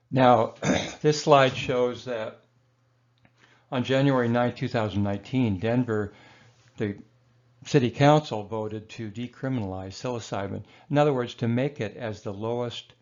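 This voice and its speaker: A man narrates a slideshow lecture in a loose, easygoing way, often pausing on fillers and correcting himself mid-phrase. His voice sits fairly low, and the recording sounds a little dull and muffled. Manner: relaxed, rambling, with frequent fillers and self-corrections. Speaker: herbalist lecturer.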